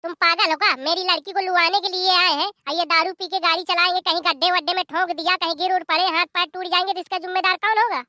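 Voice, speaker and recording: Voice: very high voice, steady tone, fast, few pauses, bright, forceful tone, dry recording, studio quality. A performer voicing a bossy, scolding older mother-in-law.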